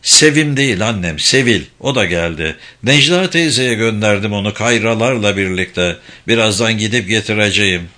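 A man voicing an affectionate, playful grown son who talks low and calm to his old parents in a storybook reading. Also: normal speed, few pauses. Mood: reassuring.

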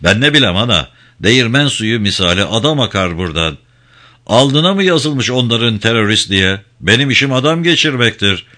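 Man reading blunt cynical ferryman in his forties, gruff, lively delivery, bright tone, storybook. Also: medium pitch, normal speed. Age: 40s. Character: gruff forty-year-old river ferryman, cynical and blunt.

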